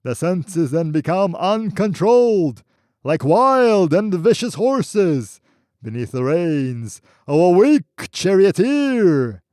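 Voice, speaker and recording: Relentless unseen spirit, a man doing the voice: high, thundering, slow. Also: big pitch swings, a little mellow, no echo, clean studio sound. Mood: intoning. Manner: thundering, commanding. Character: wild booming unseen male spirit, relentless.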